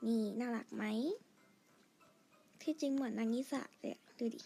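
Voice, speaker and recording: A woman chatting quietly through her game, pleading for lucky draws and gushing over outfits. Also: on the high side, steady tone, normal speed, creaky, faint music behind. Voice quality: quiet, soft-spoken. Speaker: gamer narrating her play. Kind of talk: casual game commentary.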